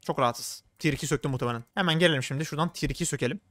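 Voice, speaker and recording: A man's voice: on the high side, rapid-fire, a bit bright, no room sound, studio quality. A male gaming streamer giving chatty live gameplay commentary, thinking aloud and flaring up in frustration.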